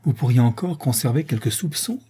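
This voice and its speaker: A man's voice: mid-range voice, expressive, a little fast, warm tone, husky. A man voicing an indignant woman who cries out in her friend's defense in a read-aloud novel. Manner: indignant, exclaiming.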